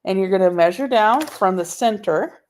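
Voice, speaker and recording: A woman's voice: medium pitch, expressive, normal speed, darkish tone, slight background noise. A woman hosting a live sewing tutorial, chatting casually and answering viewer comments as she works, recorded on a laptop microphone in a home sewing room. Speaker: sewing instructor.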